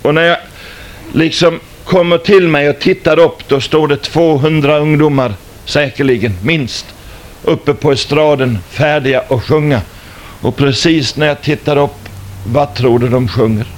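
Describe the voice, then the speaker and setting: A man's voice: on the high side, steady tone, a little hiss or hum. An older man, a former stage entertainer, telling his religious testimony as a dramatic storyteller who likes rhetorical questions.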